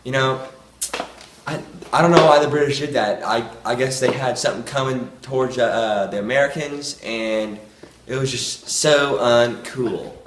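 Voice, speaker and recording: A man's voice: medium pitch, a little slow, a little hiss or hum. A teenage boy playing a field reporter in an amateur mock news report, talking in a hesitant, rambling way with fillers. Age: teens. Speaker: field reporter in a school video project.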